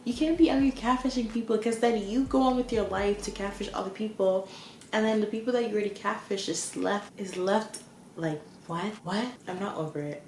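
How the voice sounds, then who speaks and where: A woman's voice: mid-range voice, steady tone, fairly quick, darkish tone, slight background noise. A young woman telling a storytime vlog in a casual, exasperated rant full of restarts. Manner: exasperated, ranting, many likes and restarts. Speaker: vlogger. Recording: echoey room with faint ambience.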